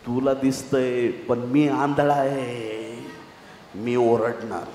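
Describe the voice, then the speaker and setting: A man voicing a desperate, defiant blind male beggar who keeps shouting for mercy. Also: high-pitched, big pitch swings, drawn-out words, pitched above the performer's own voice, exaggerated voice. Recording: roomy hall reverb, faint noise.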